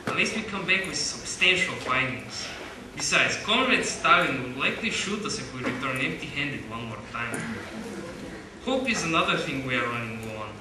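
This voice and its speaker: A weary Russian archaeologist telling of his dig in a thick Russian accent, as a young man reads his own story. The voice sits a little high and earnest. It comes from a mic far off in a very echoey hall with clear noise behind. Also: natural voice. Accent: put-on Russian. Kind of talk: reading a story aloud.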